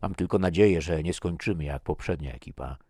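Guy doing a pensive researcher, low voice, dry close mic. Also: brisk, mellow, dry recording. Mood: thoughtful. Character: thoughtful male Swedish researcher. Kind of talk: audiobook reading.

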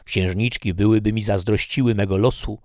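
A man's voice: lowish voice, steady tone, moderate pace, a little mellow, no echo, clean studio sound, pitched above the performer's own voice, close to an everyday voice. A man voicing a capricious, passionate young woman who speaks vehemently and theatrically. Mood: bitter, vehement.

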